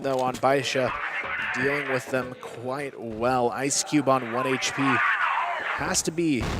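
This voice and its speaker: A man doing live esports caster commentary, narrating the match play by play over crowd and game noise. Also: medium pitch.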